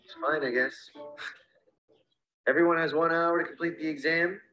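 A man's voice: a little high, fairly even intonation, normal speed, dull audio, soft background music, lightly acted. An actor playing an easygoing male teacher in a comedy skit, with a casual, slightly hesitant delivery. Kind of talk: scripted comedy skit acting.

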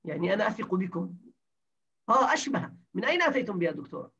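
A man's voice: sits high, big pitch swings, rapid-fire, gravelly, pushed and bright, slightly rough. A man teaching a grammar class, explaining step by step and quizzing his students with questions. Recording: distant dull lo-fi recording.

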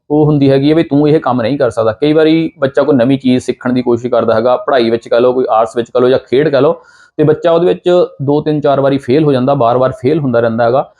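A man hosts his own channel and gives earnest, repetitive advice in a casual explanatory style. He talks quickly. His voice has a mellow, dark tone. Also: mid-range voice. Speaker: channel host giving parenting advice. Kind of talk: casual explanatory talk to camera.

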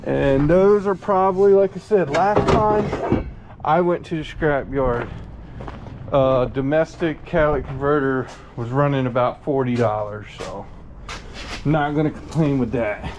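A man vlogging as he sorts through a storage unit, talking in a folksy, unhurried way while he thinks aloud. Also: fairly high pitch, darkish tone. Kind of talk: casual chest-cam vlog narration. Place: metal storage unit and gravel lot outdoors. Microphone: chest-mounted action camera. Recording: noisy outdoor action-camera audio.

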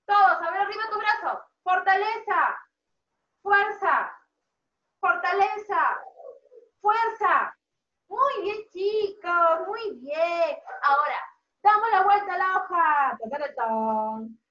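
A woman's voice: very high voice, lively intonation, measured pace, pushed and bright. A woman preschool teacher leading an online class for small children, cheerful and coaxing, praising them by name and telling a story. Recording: roomy, distant, dull sound.

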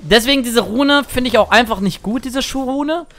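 A young man chatting excitedly through live gameplay commentary as a streamer, now and then singing or shouting at a play. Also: extremely high pitch, moderate pace, faint music behind. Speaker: gaming streamer.

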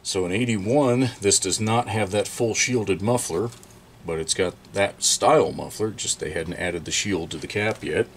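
A middle-aged chainsaw repair host chats casually about an old tool on his bench in an indoor repair workshop, working while he thinks aloud and occasionally bursts out in surprise. He speaks in a lowish, unhurried voice, and there's slight background noise in this informal show-and-tell.

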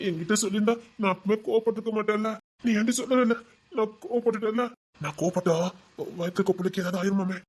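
A man's voice: high voice, fast talker, a little mellow, husky. A man playing a young husband who has just learned he will be a father, speaking in an emotional, tender way. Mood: earnest. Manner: emotional, tender, promises not to get angry. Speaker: new father. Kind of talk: family web series acting.

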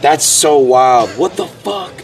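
A man in his twenties chatting casually in excitable, slangy frat-bro talk. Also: fairly high pitch, slow, a crowd in the background. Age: 20s. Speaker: streamer hosting guests. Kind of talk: casual chat. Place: busy open restaurant. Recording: distant mic with music behind.

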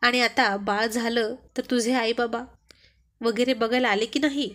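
A gruff, ribbing young husband from a spoken family story, read by a woman in her own voice. He trades blunt jokes with his best friend. The voice sits a little high. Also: steady tone, unhurried, fairly bright tone. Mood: earnest. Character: teasing young married man, a close friend.

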